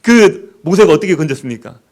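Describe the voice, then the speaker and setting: A man's voice: fairly high pitch, expressive, brisk. A man preaching a sermon as pastor, in a conversational style, acting out the voices of the people he quotes and sometimes dropping to a whisper.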